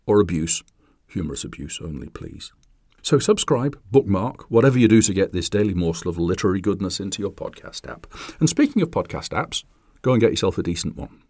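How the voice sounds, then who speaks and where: An English man with a very low voice hosts a podcast and reads a classic text aloud. His reading is measured and formal, broken up by dry, wry asides. The sound is close and dead, with no room echo. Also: a little mellow. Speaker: podcast host.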